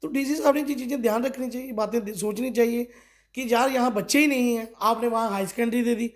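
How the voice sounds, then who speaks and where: Middle-aged man from Kathua, a party official in a local news interview; high voice, forceful, fond of rhetorical questions. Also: fast. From Kathua, Jammu and Kashmir.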